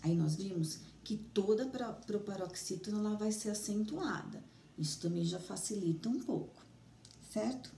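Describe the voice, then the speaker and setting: A woman teacher with a Brazilian Portuguese accent giving a remote lesson to children, gentle and encouraging, speaking slowly and clearly. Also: medium pitch, animated. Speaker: primary school teacher. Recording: roomy, distant mic with faint ambient noise.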